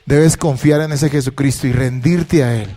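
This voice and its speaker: A man, a pastor preaching a sermon to his congregation, asking rhetorical questions and moving between hushed and emphatic delivery. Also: mid-range voice, moderate pace. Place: church service.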